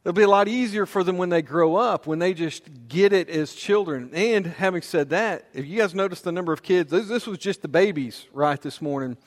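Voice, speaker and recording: A man preaching a sermon in a relaxed, conversational way, often restarting his sentences. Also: high voice, fairly quick, hardly any pauses. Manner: conversational, with fillers and repeated restarts. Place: church auditorium. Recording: long hall reverb.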